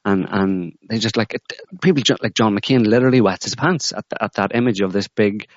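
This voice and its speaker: Man, very low voice, rambling co-host in political talk, dry muffled audio. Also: fairly quick, no room sound. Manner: rambling, hesitant, many restarts. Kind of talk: political discussion.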